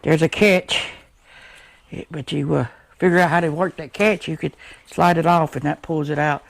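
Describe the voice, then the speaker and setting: Working on a bike in his shed, an American man talks his way through the job for a casual how-to vlog, folksy and rambling, often muttering to himself. His creaky voice is on the high side, steady and moderately paced, recorded on an action camera with noisy audio and clicks.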